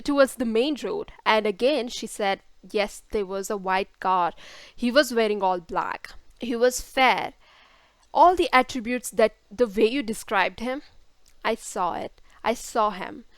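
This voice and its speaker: A woman with a high, smooth voice tells a personal story in a storytime vlog, taking her time over each phrase. She speaks dramatically and repeats words for effect. Her voice is close and dry. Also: a bit bright, dry recording.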